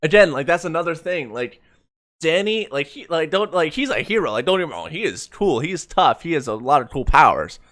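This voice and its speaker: A man with a fairly high, bright voice talks a little fast, his pitch swinging widely. He's a streamer reviewing an animated comic, rambling through casual reaction commentary and trailing off to correct himself mid-thought. The recording is dry and of studio quality.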